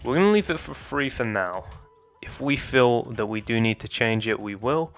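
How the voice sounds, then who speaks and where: Walking his audience through a Minecraft build, this young tutorial creator keeps things casual and calls them "guys," though his voice is slightly hoarse and starting to go. He speaks at a medium pitch and moderate pace, sounding expressive and a bit bright, over faint background music.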